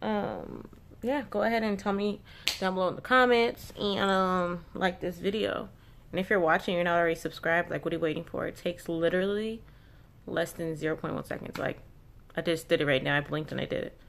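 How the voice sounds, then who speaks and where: A woman's voice: lowish voice, fairly quick, gravelly, slight background noise. A young woman vlogging in a casual, rambling way. She uses lots of fillers and talks into a handheld phone camera as she moves from a mall to her home. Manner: chatty and rambling, with many fillers. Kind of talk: casual vlog chat. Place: shopping mall, then at home. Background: music.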